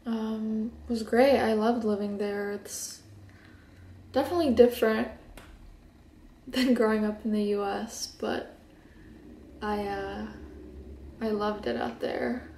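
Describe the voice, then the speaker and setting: A sleepy, laid-back Israeli woman in her 20s, a native Hebrew speaker, chats through a casual get-ready-with-me as a beauty vlogger, full of ums and likes. Her voice sits on the high side, warm and steady, and she talks slowly with frequent pauses. The camera is at close desk distance in her bedroom, giving an echoey sound with slight background noise.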